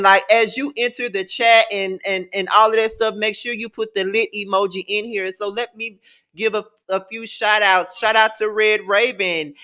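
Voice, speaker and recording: A man, hosting a live-stream review in a sassy, playful and animated way. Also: high voice. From Mississippi, US. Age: 30s. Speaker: livestream host.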